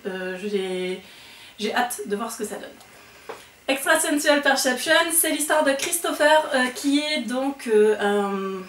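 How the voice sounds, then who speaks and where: A woman's voice: on the high side, a bit bright. Chatty woman in an echoey room. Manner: chatty, many fillers and restarts. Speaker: book vlogger. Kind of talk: casual monthly reading wrap-up. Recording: echoey room, voice a bit far from the mic.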